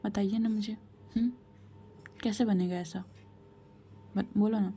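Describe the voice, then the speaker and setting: A woman doing a soft-spoken loving young woman. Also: mid-range voice, steady tone, unhurried, soft background music, natural voice. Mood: tender. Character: young woman, loving, gently reassuring partner.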